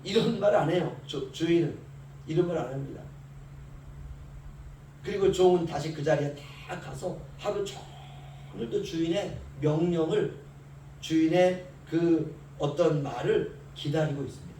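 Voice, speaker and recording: A man's voice: on the high side, measured pace, mellow. A male pastor giving an early-morning sermon, telling stories and acting out the voices of the people in them. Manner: storytelling, acts out quoted voices of servant and master. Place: church sanctuary. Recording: echoey church hall from far off, faint hiss.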